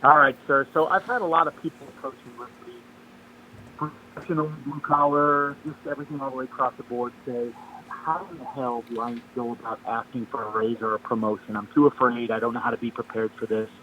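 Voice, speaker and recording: A man's voice: medium pitch, fairly even intonation, fairly quick, sharp tone, slight background noise. A man calling in by phone on speaker, giving upbeat step-by-step advice in a casual chat. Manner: upbeat, gives step-by-step tips. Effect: heard over a phone line on speaker. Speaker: caller.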